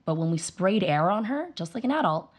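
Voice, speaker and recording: A woman's voice: mid-range voice, fairly quick. A woman in her thirties, a mother being interviewed, telling earnest stories and acting out the dialogue. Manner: earnest, animated storytelling with quoted dialogue. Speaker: guest, mother and dental hygienist. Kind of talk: casual interview conversation.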